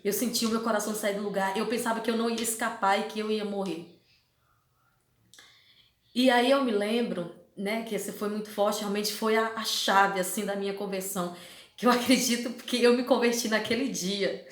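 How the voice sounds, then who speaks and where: A woman's voice: medium pitch, fairly even intonation, moderate pace. A woman giving a personal religious testimony at church, emotional and repeating phrases for emphasis. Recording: echoey hall.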